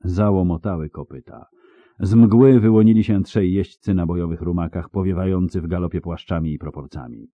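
Casting: expressive male audiobook narrator, low voice, dry close sound. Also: fairly quick, no echo, dull audio. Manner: expressive, dramatic storytelling. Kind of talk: scripted narration.

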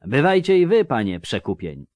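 A man voicing a gruff but kindly old soldier with rustic, old-fashioned speech, reading in a dry studio. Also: medium pitch, big pitch swings, moderate pace, darkish tone, no room sound, pitched above the performer's own voice, close to an everyday voice. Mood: farewell.

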